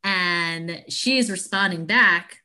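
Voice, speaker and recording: A woman's voice: fairly low pitch, takes it slowly, sharp tone, clear, resonant tone. Reflective American woman podcaster. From United States. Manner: reflective, thoughtful, trails off. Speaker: podcast co-host. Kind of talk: casual chat.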